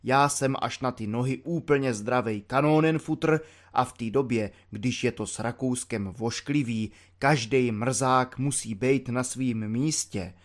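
A man reading an audiobook, voicing a good-natured simple soldier in a low, grave, drawn-out way with colloquial everyday speech. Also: close to an everyday voice.

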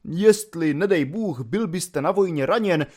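A man's voice: on the high side, lively intonation, breathy edge. An effusive middle-aged merchant, read by a man in a storybook, sounding a little raised and eager. His manner is earnest and fussy.

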